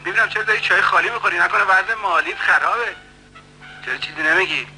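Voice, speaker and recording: A man's voice: sits high, pushed and bright, a little hiss or hum, low-quality recording. A man dubbing a swaggering, bullying middle-aged café loafer who mocks and threatens in a film. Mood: mocking. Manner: blustering, mocking, threatening. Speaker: dub actor. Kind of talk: dubbed film acting.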